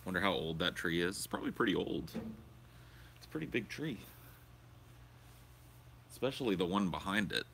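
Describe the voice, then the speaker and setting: A young male host speaks in a low, somewhat bright, creaky voice with lively intonation, a moderate pace, and long pauses, over a little hiss or hum. He's doing a casual livestream on a portable camera or phone he carries around, rambling crudely and answering viewers' questions aloud.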